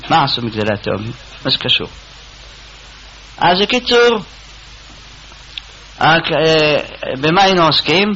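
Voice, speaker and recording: A man delivers a sermon in a bright, forceful voice that sits a little higher than most. He rises loud and high when he quotes scripture, then sinks to low, scornful asides. The audio is dull and lo-fi, with faint noise. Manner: emphatic, rising sharply when quoting verses; dismissive asides, dropping low and quiet. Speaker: rabbi preacher.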